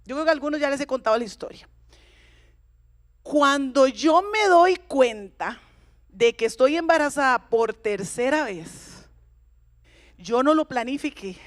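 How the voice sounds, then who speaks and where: A woman pastor in middle age delivers a sermon with a high, light voice. She speaks in a conversational, confiding way and draws her congregation in with personal stories.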